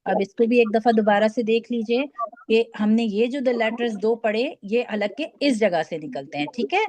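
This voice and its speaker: A woman teaching recitation over a video call, speaking patiently, demonstrating sounds slowly and checking that students follow. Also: a little high, mellow, dry recording. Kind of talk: online class lesson.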